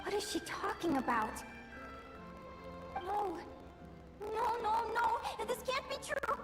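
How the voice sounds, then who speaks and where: An actress voicing a frightened, bewildered young woman explorer in a video game, with halting, emotive delivery. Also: very high voice, big pitch swings, big-room sound, over music, exaggerated voice. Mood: anguished denial. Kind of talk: dramatic video game voice acting.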